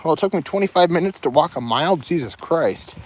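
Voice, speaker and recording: Animated and fast, this young woman speaks in a low-pitched, darkish voice over slight background noise. She's walking outdoors with a loaded backpack on a casual livestream, chatting to her viewers and rambling from one subject to another.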